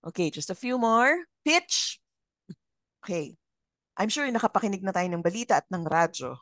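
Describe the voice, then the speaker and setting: A middle-aged woman with a Filipino accent leading a communication training session, speaking in a measured, modulated trainer voice and putting questions to her learners. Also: mid-range voice, very animated, a bit bright, dry recording. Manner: interactive, asks learners questions. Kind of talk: live training session, mixing English and Filipino.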